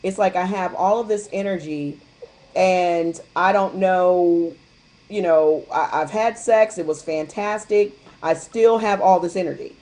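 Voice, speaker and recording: This is a guest distributor recounting her experience on a relaxed call-in chat, her voice lowish and dark, her delivery unhurried. Candid and talkative, she spins stories and performs the quotes of others as she goes.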